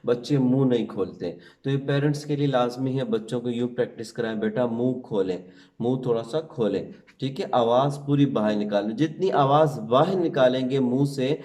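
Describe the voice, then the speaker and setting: A male Quran teacher giving a spoken lesson, reciting the Arabic letters slowly and drawn out, with English words mixed into his Urdu. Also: mid-range voice, darkish tone, far from the mic.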